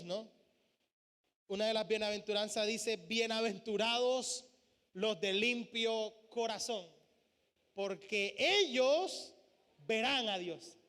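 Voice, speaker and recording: A man's voice: extremely high pitch, bright, forceful tone. A man preaching a sermon as pastor, posing questions to his congregation. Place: church sanctuary. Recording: church hall with long reverb.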